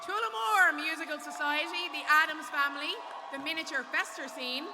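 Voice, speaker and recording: A woman presenting awards, reading out nominees with a clear announcing delivery. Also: high-pitched, fairly quick, a crowd in the background, background noise.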